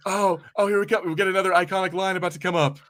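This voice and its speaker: A podcast co-host with a high, fairly bright, steady voice talks rapid-fire during casual watch-party banter. His commentary is wry, rambling and full of swearing.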